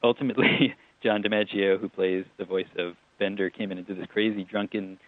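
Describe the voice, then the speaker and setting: A man's voice: lowish voice, steady tone, a little fast, no room sound. A man being interviewed about a show he made, talking in a chatty, digressive way with small laughs and restarts. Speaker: TV writer-producer guest. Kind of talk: relaxed interview answers. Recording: tinny phone line.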